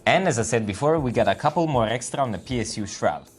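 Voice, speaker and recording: A man's voice: medium pitch, lively intonation, fast, soft background music. A man with an Italian accent giving a friendly, step-by-step product walkthrough and talking to viewers as "guys". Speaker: product presenter.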